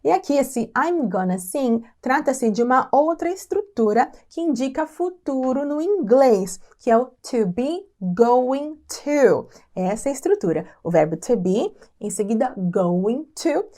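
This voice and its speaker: Woman from Brazil, slightly high voice, English teacher walking through song lyrics, repeats phrases slowly and patiently. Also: lively intonation, mellow. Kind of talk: lyric-by-lyric language lesson.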